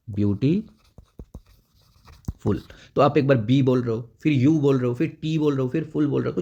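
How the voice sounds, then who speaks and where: A man's voice: mid-range voice, a little mellow. A man teaching an exam prep grammar lesson, explaining step by step and checking in often. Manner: explains step by step with frequent "theek hai" check-ins.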